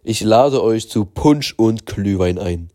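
A man's voice: fairly low pitch, lively intonation, takes it slowly, dark tone, no echo, clean studio sound. A man voicing a cheerful father with a hearty, upbeat manner.

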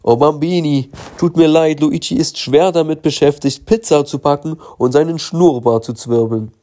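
A friendly waiter chatters in a jovial, sing-song way, as a man narrating a storybook puts him on. The voice sits a little higher than usual and stays mellow. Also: moderate pace, natural voice. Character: friendly Italian-flavoured male waiter.

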